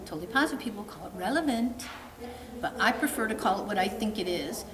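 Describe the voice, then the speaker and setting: A woman's voice: mid-range voice, animated, fast. A woman dog trainer coaching a client in a frank, plainspoken way. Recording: roomy, distant, noisy background.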